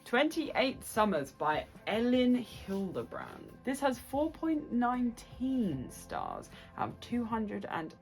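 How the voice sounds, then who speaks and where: A woman's voice: fairly high pitch, wildly swooping pitch, takes it slowly, hardly any pauses, faint music behind. Chatty woman with a stuffy nose. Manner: chatty, bubbly, goes on tangents. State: congested from a cold, nasal. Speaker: book vlogger. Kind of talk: casual chat to camera.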